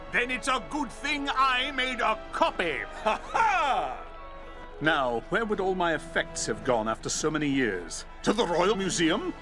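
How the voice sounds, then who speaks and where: A man playing a boastful old-fashioned explorer hero in a video game, pompous, theatrical and given to exclaiming. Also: sits high. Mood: eager, boastful. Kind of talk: video game character acting.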